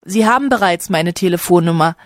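A woman's voice: on the low side, a little fast, dry recording, clean studio sound, lightly acted. A woman reading the lines of a friendly young woman in a storybook reading. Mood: polite.

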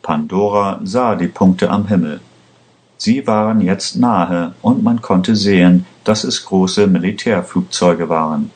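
A man narrating a story in a slow, measured reading for learners. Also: low voice, darkish tone. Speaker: audiobook narrator. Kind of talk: scripted narration.

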